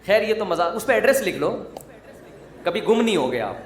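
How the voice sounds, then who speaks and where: A man's voice: high-pitched, sing-song, slight background noise. A male Islamic preacher giving a sermon in a joking, teasing, conversational way. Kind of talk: humorous sermon. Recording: roomy echo.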